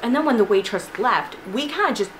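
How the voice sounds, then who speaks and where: A young woman, a student, telling a casual storytime vlog in a chatty, animated way with frequent laughs, filmed at home on a camera in her room. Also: a little high, a little fast. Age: young adult. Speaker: vlogger. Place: bedroom with shelves of figurines, indoors. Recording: noisy home recording.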